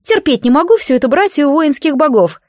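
A woman's voice: sits high, lively intonation, a little fast, a little mellow, no room sound, clean studio sound, voice pushed up. A woman reading an audiobook and voicing a cheeky, shape-shifting child god in the form of a young boy, petulant and teasing with a grown-up edge. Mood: indignant. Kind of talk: audiobook character voice.

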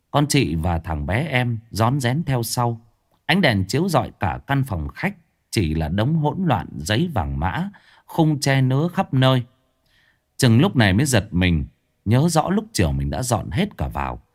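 Low-voiced man narrating a ghost story. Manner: expressive, swinging pitch for suspense.

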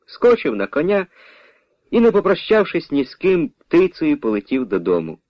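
A man reads a novel aloud in a dramatic, expressive style. His voice moves widely in pitch and sits close and dry. The radio recording has a dull, muffled sound. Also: moderate pace, no echo. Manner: expressive, varied. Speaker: narrator. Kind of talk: dramatic audiobook reading.

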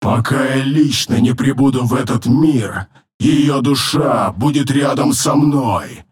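A man voicing an arrogant, cruel male demon lord in an audiobook, his rough, rumbling voice thickened with a layered demonic effect. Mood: mocking menace. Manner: slow, menacing, commanding. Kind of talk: audiobook narration with voiced characters.

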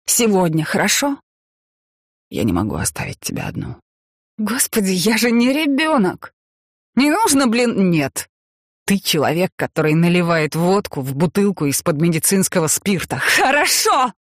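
A narrator voicing a defensive, tearful middle-aged wife who pleads and flares up in emotional bursts, with a rough, breathy voice. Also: female voice, deep voice, wildly swooping pitch, moderate pace, long pauses, no echo, studio quality, heavily acted. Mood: shrill anger.

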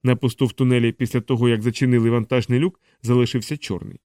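A man reads an audiobook in a measured, steady voice, close on a studio mic. His tone is dark and mellow. The recording is dry, with no room sound. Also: mid-range voice, no echo. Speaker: audiobook narrator. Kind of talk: scripted audiobook narration.

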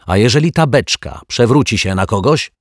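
A man's voice: fairly low pitch, lively intonation, moderate pace, no room sound, clean studio sound, voice pushed up. A man doing a fussy scolding neighbour.

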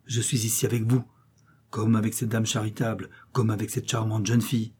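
A man reading the part of a calm, assured detective's agent who explains things in a measured, reassuring way. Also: medium pitch, husky, natural voice.

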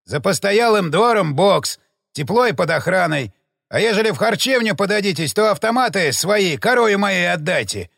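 A man's voice: high-pitched, expressive, normal speed, a bit bright, dry recording, studio quality, full character voice. A man voicing a grumpy, swearing older bearded innkeeper in an audiobook. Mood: gruff. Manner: gruff, snapping and swearing.

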